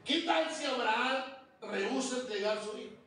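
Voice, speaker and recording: High-voiced pastor preaching in an echoey hall. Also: male voice, pushed and bright, a little hiss or hum. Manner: emphatic, rhythmic preaching with drawn-out phrases. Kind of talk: sermon. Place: church hall. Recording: very echoey hall, voice far from mic.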